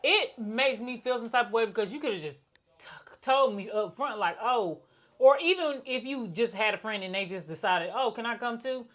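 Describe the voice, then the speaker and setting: A woman co-hosting a podcast in casual chat, speaking in a flat, nonchalant, one-tone way. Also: on the high side, a little fast. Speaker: podcast co-host.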